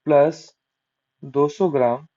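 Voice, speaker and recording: A man's voice: a little high, takes it slowly, warm tone. A man teaching an exam-prep maths lesson, working sums aloud, asking and answering his own questions, mixing terms in. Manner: works sums aloud step by step, asks and answers himself; mixes English maths terms into Hindi. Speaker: maths tutor. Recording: dull lo-fi recording.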